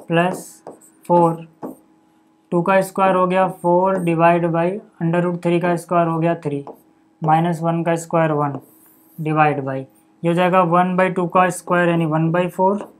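A male maths teacher talking through a solution step by step. He keeps asking the viewer what comes next and then answers himself, and drops in casual filler words like "okay" and "buddy". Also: a little high. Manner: reads out numbers and steps one by one. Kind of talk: step-by-step board lesson.

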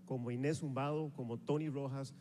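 On a stage in a large convention hall, a Costa Rican man in his forties fires up a live audience at a sales rally, walking around and gesturing with a handheld mic as he speaks in Costa Rican Spanish. His mid-range voice moves a little fast and energetically, with reverberant hall sound and slight background noise.

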